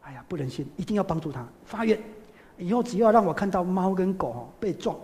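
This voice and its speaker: A Buddhist teacher giving a sermon, telling a story with lively, sighing interjections. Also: mid-range voice, fast talker. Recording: long hall reverb.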